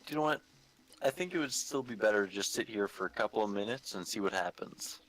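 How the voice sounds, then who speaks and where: Lower-voiced guy playing a tabletop game, lots of um, kinda unsure. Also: animated, fast, fairly bright tone, low-quality recording. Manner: hesitant, many ums. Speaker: player. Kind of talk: casual tabletop game chat.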